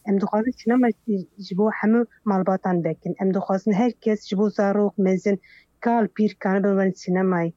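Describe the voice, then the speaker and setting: A woman's voice: medium pitch, steady tone, warm tone, no echo, muffled recording. A woman festival organizer answering interview questions, hesitant and full of fillers.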